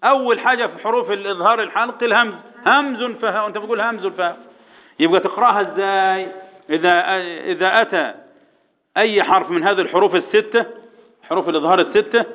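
A man with an Egyptian accent teaching Quran recitation to boys, quizzing them and chanting verses slowly for them to repeat. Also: high-pitched, muffled recording. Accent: Egyptian Arabic. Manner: drills students with questions, chants verses slowly. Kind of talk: tajweed lesson to boys.

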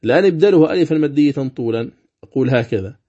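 A male teacher giving a religious lesson on recitation, explaining each rule step by step between slow, drawn-out recited examples. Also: a little high, lively intonation, mellow, breathy edge, highs cut off.

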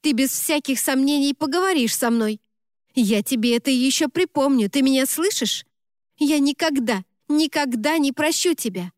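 Woman voicing a shrill, indignant young woman. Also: unhurried, a little mellow, dry recording, studio quality. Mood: outraged. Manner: indignant, shrieking reproaches. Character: young woman best friend, shrill and furious.

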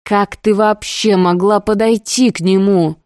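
A woman's voice: medium pitch, steady tone, unhurried, a little mellow, dry recording, studio quality, close to an everyday voice. A woman voicing an angry young man, a protective older brother who talks harshly through gritted teeth in an audiobook. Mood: harsh questioning. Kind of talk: audiobook dialogue.

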